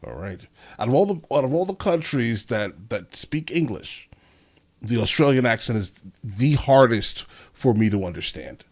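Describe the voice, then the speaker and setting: A man's voice: medium pitch, big pitch swings, moderate pace. A man hosting a reaction video, cutting in with blunt jokes and casual commentary. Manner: blunt joking interjections.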